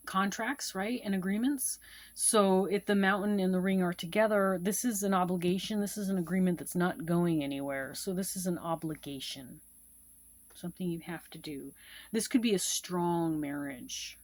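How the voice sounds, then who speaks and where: Woman, lower voice, casual card-reading teacher, repeats points, loose and chatty. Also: dry recording. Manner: repeats key meanings, with fillers and asides. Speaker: tarot and Lenormand card reader teaching. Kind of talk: casual instructional explanation.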